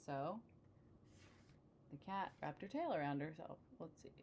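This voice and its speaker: A woman's voice: deep voice, very animated, unhurried, darkish tone, slight background noise. A woman reading a picture book aloud expressively, adding casual asides about the pictures.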